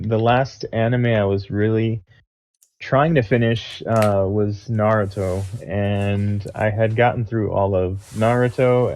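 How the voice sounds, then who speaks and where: A young man co-hosting a gaming podcast, speaking hesitantly and casually with many pauses and "um"s. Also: lowish voice. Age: young adult. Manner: hesitant, soft-spoken, many "um"s. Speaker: podcast co-host. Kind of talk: casual chat.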